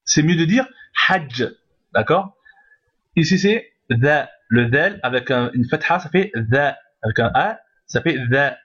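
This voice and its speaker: A man's voice: on the high side, animated, measured pace, fairly bright tone, highs cut off. A man teaching a step-by-step language lesson, patiently repeating each word and checking that the listener follows. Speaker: Arabic teacher.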